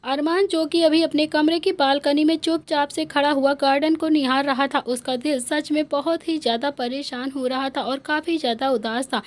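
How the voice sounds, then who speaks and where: A woman's voice: high-pitched, fairly even intonation, moderate pace, few pauses. A woman narrating an emotional family romance story, giving the characters' dialogue with feeling.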